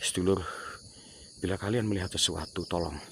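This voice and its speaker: A man hosting a ghost-hunting vlog, loudly chanting calls to spirits and then speaking in hushed asides to viewers, outdoors at night. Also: fairly low pitch, moderate pace, a little hiss or hum. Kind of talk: night-time paranormal vlog. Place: outdoors at night among trees. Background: crickets and insects.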